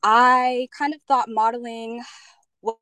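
Woman, 20s, from Jamaica, raised in Pennsylvania; relaxed interview guest on a video call, lots of "um", dry close sound. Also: fairly high pitch, takes it slowly, clear, resonant tone, no room sound. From Jamaica, grew up in Pennsylvania. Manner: relaxed, many "um" fillers, easygoing. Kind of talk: casual interview answers.

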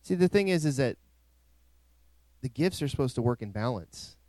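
Male pastor, middle-pitched voice, dry close sound, emphatic preaching. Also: lively intonation, moderate pace, mellow, dry recording. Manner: preaching with rising, emphatic swells. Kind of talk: sermon.

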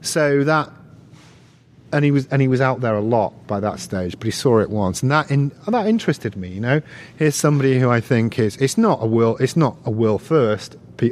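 A man's voice: medium pitch, darkish tone, a little hiss or hum. A man, a guest on an interview show, telling long stories with many restarts and easy laughs. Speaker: guest, researcher. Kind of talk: casual interview chat.

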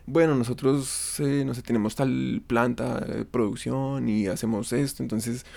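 A man's voice: medium pitch, fairly even intonation, measured pace, vocal fry, darkish tone. A man with a Colombian accent telling stories casually in conversation, with slang, swearing and bits of acted-out dialogue. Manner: slangy, profane, acts out quoted dialogue. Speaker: interview guest.

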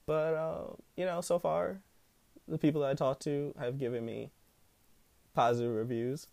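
A man with a smooth voice hosting a solo podcast in casual, rambling talk full of slang and swearing. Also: on the high side, steady tone, normal speed, darkish tone, dry recording. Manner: profane, slangy. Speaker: podcast host.

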